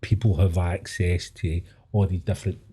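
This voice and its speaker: Husky, dark-voiced Scottish man. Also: low voice, level tone, moderate pace. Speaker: podcast cohost. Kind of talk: casual chat.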